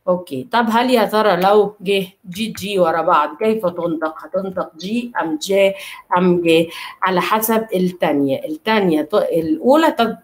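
A woman with an Egyptian Arabic accent teaching an Italian pronunciation lesson. She repeats each word slowly and keeps checking that her students follow. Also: lowish voice, a little mellow.

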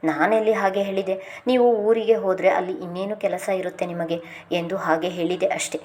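Cheeky young wife, playful comebacks, lowish voice, read by a woman narrator. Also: fairly even intonation, darkish tone, a little hiss or hum, lightly acted. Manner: playful, quick retorts.

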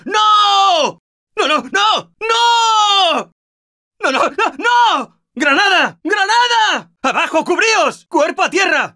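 An anxious everyman fighting through a zombie video game. His Castilian Spanish voice is husky and emotive. He speaks in slangy, unhurried phrases with big swings in pitch. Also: a bit bright, exaggerated voice.

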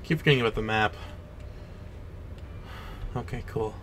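A man's voice: on the low side, moderate pace. A man giving casual horror game commentary as a streamer, reacting to the game with exasperation. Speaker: let's play streamer. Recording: clearly noisy, game ambience behind. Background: horror video game ambience and effects.

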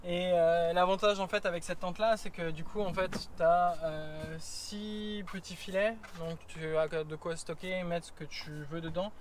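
A man in his thirties gives a casual travel vlog walkthrough on an action camera, chatty and full of fillers, starting in a roof tent on a car and then moving outdoors into the bush. His voice sits high with fairly even intonation, and he talks a little slowly with few pauses. A little hiss or hum is audible.

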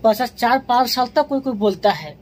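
A woman's voice: a little high, expressive, moderate pace, slight background noise, poor audio. A woman vlogger speaking to her viewers in a casual, matter-of-fact and reassuring way. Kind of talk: casual vlog talk to viewers.

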